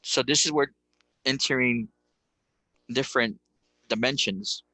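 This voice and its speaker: A man's voice: mid-range voice, a little slow, bright, forceful tone, no room sound, low-quality recording. A man giving a casual livestream lecture on spirituality, talking in an emphatic, preachy way, repeating rhetorical questions and swearing casually.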